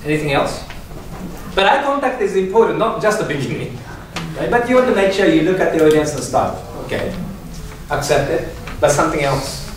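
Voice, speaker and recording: Brisk and lively, a high-voiced man runs a speech class, laughing often and quizzing his students. The sound comes from a distant mic in an echoey classroom with background noise.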